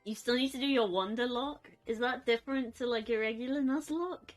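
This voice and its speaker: A young woman chatting casually on a live stream from her bedroom, soft and rambling, cooing at her pets. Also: on the high side, fairly quick, soft background music.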